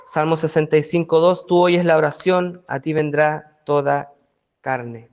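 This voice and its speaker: A man leads a Bible study in a relaxed, conversational tone. His voice sits fairly high for a man, and he keeps turning to his listeners with rhetorical questions. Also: unhurried. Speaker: pastor.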